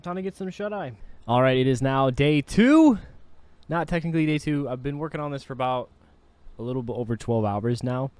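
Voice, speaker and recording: A man's voice: medium pitch, expressive, brisk, a little mellow, clear, resonant tone, no room sound. A man vlogging about producing his own song, talking in a laid-back, slangy, chatty way. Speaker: music producer and singer. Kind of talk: casual vlog talk.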